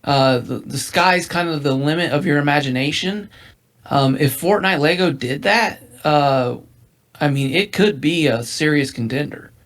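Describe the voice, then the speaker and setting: A man's voice: fairly high pitch, unhurried, fairly bright tone. A man co-hosting a casual gaming podcast, losing his voice, rambling with many restarts. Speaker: podcast co-host.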